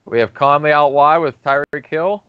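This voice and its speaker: Male play-by-play caller, smooth and resonant, steady descriptive delivery; dry, slightly dull recording. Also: a little high, normal speed, dry recording. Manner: calls plays in steady descriptive runs. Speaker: play-by-play announcer. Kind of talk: live play-by-play commentary.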